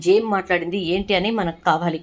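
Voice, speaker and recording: Young son done by a woman narrator, urgent, hurried, retold serial. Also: on the low side, steady tone, lightly acted.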